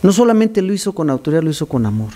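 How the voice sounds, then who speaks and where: Mellow-voiced pastor preaching. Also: male voice, fairly high pitch, rapid-fire. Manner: animated, teaching, scolds listeners for distracting him. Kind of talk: sermon.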